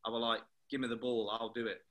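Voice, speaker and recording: A man, a former footballer being interviewed, who tells stories lively and acts out the dialogue. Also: mid-range voice, fast. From England. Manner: animated storyteller who acts out quoted dialogue. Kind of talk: anecdotal interview chat.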